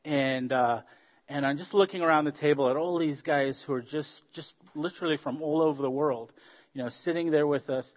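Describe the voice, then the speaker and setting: A man's voice: fairly high pitch, normal speed. Man telling stories in a hall. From Zambia. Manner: relaxed, anecdotal, frequent ums and uhs. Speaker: workshop speaker. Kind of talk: storytelling talk at a church workshop. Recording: dull lo-fi sound with long hall reverb.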